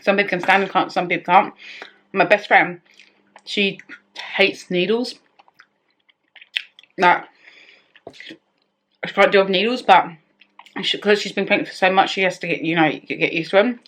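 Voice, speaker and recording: Her voice sits at a medium pitch, fairly bright, with fairly even intonation, a measured pace, and long pauses. A woman vlogger, she relates a personal story in casual chat, wandering off track and breaking off to restart what she's saying.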